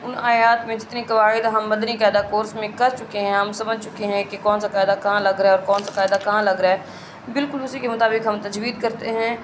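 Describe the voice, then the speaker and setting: A woman's voice: fairly high pitch, fairly bright tone, a little hiss or hum. A woman teaching Quran recitation rules step by step, going through each rule methodically and repeating it.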